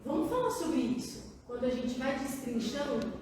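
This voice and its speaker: Brazilian woman analyst, audience Q&A in a big hall; high voice, very echoey distant recording. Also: sing-song, moderate pace, background noise. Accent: Brazilian Portuguese. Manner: warm, conversational, asks the audience often. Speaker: psychoanalyst giving a talk. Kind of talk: public talk answering audience questions. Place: large meeting hall. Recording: very echoey hall, voice far from mic.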